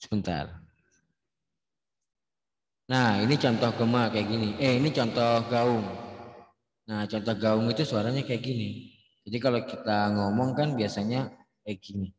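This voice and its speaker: A man teaching a science lesson in a relaxed, chatty way. He sometimes shouts out sample sounds to demonstrate. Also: lowish voice, measured pace, long pauses, breathy edge, dry recording. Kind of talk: casual classroom explanation.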